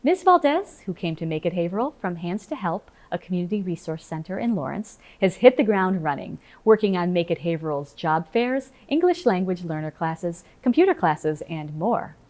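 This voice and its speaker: A woman narrates a community news segment in a scripted, announcing way. Her voice sits a little low and swings through a lively pitch range. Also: moderate pace, hardly any pauses. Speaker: news host.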